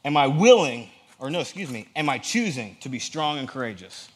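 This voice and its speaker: A man preaching a casual, lively sermon in a church, joking with the congregation. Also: mid-range voice, brisk, husky. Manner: animated, joking asides to the audience.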